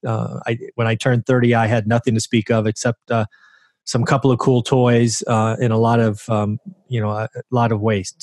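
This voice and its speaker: A man in his forties talks through his own story as an interview guest, mid-pitched and conversational. He keeps tossing rhetorical checks to the listener, and the sound is dry and close. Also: a little mellow, dry recording. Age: 40s. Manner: conversational, asks rhetorical "right?". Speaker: interview guest, real estate investor.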